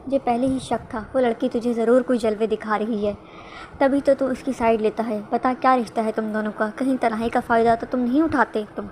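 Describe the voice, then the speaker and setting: A woman reading the part of a scheming, sharp-tongued middle-aged mother in a storybook reading, with faint background noise. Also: a little high, steady tone, lightly acted. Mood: angry. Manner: bitter, scolding.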